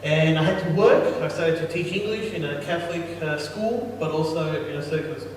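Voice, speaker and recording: In an echoey hall picked up by a distant mic, with noise around, a man interprets a sermon in short consecutive phrases. His voice is fairly high and moderately paced, and he restarts and repeats words as he translates.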